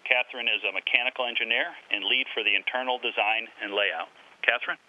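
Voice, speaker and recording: A man's voice: mid-range voice, fast. A man leading a ground team on a space-to-ground radio transmission, following radio call protocol and introducing colleagues. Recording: muffled radio link with hiss.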